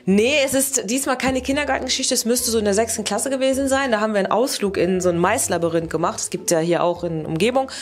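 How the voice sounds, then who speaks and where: Speaking fast with few pauses, this YouTube presenter has a voice on the high side. She's a young adult woman in an indoor room, music in the background, casually presenting and storytelling to camera while she rambles and self-corrects.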